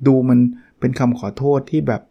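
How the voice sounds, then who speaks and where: A man hosts a casual solo book review podcast, chatting away and acting out little quoted examples as he goes. He talks fairly quickly, and the recording sounds muffled.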